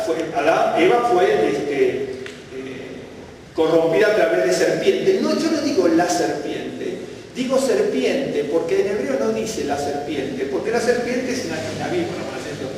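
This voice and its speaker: Brief: male Bible teacher, high voice, animated sermon delivery, distant mic in a big reverberant hall. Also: a little hiss or hum. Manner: animated, rising for quoted questions, self-correcting.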